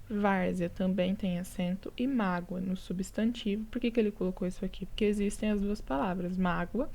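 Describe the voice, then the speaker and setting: A woman with a Brazilian Portuguese accent teaching a recorded lesson, walking through each answer step by step. Her voice is dark and gravelly, with a mellow, unhurried tone. She checks in with her students often as she explains. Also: medium pitch. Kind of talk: recorded lesson going over exercises.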